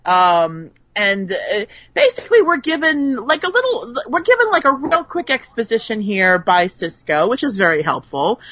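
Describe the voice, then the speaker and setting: A woman's voice: mid-range voice, no echo. A woman hosting a podcast, recapping an episode in a casual chat and laughing often as she tells it. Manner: laughs often, animated storytelling. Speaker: podcast host. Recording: slightly muffled dry recording.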